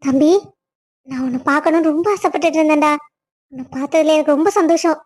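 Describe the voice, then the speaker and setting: A woman's voice: sits high, steady tone, fast, darkish tone, natural voice. A woman voicing a sorrowful elder sister in a cartoon story, pleading tearfully. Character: sorrowful elder sister, longing for her brother.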